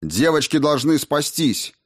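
A man's voice: fairly high pitch, sing-song, a little slow, dry recording, clean studio sound, voice pushed up. Brief: man as a frantic father in an audiobook, barking short orders. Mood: commanding. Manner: curt shouted commands.

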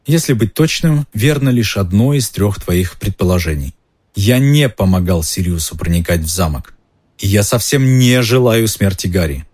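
Narrator voicing a quiet weary wizard teacher, low dark husky voice, measured. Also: male voice, expressive. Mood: calm. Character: calm, weary adult male teacher and wizard.

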